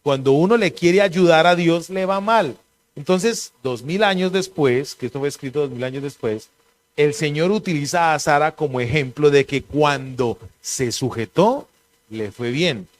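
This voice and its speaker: A middle-aged man preaches a sermon, his voice pitched somewhat high. He speaks conversationally and keeps throwing rhetorical questions at his congregation. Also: moderate pace. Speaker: pastor.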